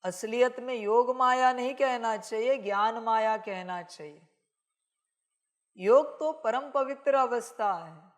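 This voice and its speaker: Slow, high-voiced woman preaching as a father. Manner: speaks as a father addressing her children, admonishing; emphatic rhetorical questions. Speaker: spiritual messenger. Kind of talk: channeled sermon as a divine father.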